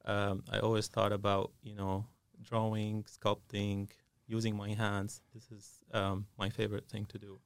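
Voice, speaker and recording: Low, gravelly man. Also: completely flat delivery, a little slow, few pauses, no echo. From Syria. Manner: hesitant, many fillers. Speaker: dentist, guest. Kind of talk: casual interview. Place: podcast studio.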